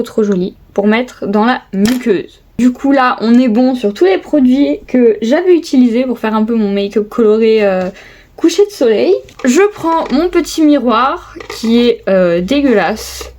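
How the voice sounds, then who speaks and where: A woman's voice: on the high side, a little mellow. A young woman chatting casually through a make-up tutorial, filmed on her phone at home, with many hesitations and little repeated gushes. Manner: chatty, lots of hesitations and repeated "trop, trop beau". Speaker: beauty vlogger. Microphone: phone camera.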